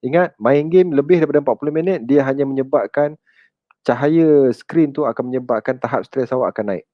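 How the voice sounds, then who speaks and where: A man's voice: mid-range voice, fairly quick, dry recording. Man, Malaysian Malay accent, counselor talk, chatty, dull dry recording. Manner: conversational, addresses listeners as children, mixes in English words. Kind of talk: motivational talk with audience questions.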